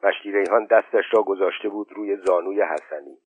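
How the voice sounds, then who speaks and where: A man reading an audiobook story in even, measured narration. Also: low-pitched, breathy edge, no echo. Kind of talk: scripted narration. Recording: thin phone-like sound, dry.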